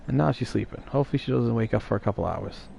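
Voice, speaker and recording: Gravelly-voiced man rambling on a stream. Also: medium pitch, expressive, rapid-fire, noisy background. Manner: rambling, chatty, teasing. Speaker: live streamer. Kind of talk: casual live-stream chat answering viewers.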